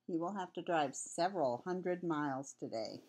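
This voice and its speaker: Sweet old lady reading a picture book, lowish voice. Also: expressive, moderate pace, a little mellow. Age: older. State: has a cold with cough. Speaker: grandmother reading to a child. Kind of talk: read-aloud children's picture book.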